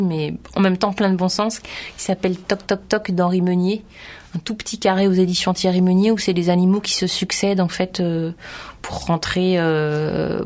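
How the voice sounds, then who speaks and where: A woman presenting children's books on a radio show, talking gently with many hesitations and reading a bedtime story aloud. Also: fairly low pitch. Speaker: children's book reviewer on radio. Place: radio studio.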